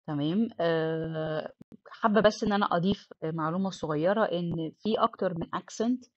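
A woman's voice: lowish voice, a little fast, no echo, highs cut off. A woman with an Egyptian Arabic accent teaching an English lesson, mixing English words into her Arabic explanation.

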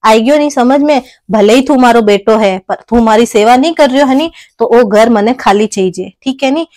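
A woman voices a sharp-tongued older mother in a Rajasthani comedy skit. Her voice sits high, and her Marwari accent is plain. She lectures in a scolding way and keeps pressing with tag questions. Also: moderate pace, dry recording, close to an everyday voice. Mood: defiant. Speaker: skit actor.

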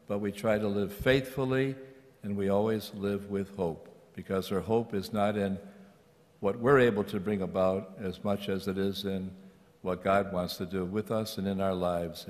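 An older man, a priest, speaking in a measured, solemn liturgical way with a cathedral echo on his voice. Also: fairly low pitch, a little mellow. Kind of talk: liturgical reading and homily. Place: large church, at the lectern. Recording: echoey church hall, long reverb.

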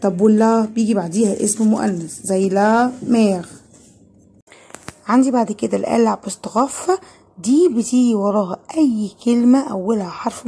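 Egyptian woman teacher, fairly high husky voice, patient explainer. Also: dark tone. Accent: Egyptian Arabic. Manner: patient, asks and answers her own questions. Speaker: French teacher. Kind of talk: online lesson explaining grammar.

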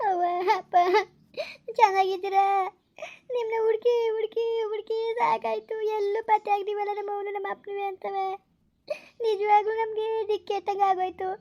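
A woman's voice: extremely high pitch, flat delivery, measured pace, darkish tone. A woman voicing a grown daughter who sobs and pleads to her dead parents. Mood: weeping. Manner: sobbing, pleading. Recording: dull lo-fi recording.

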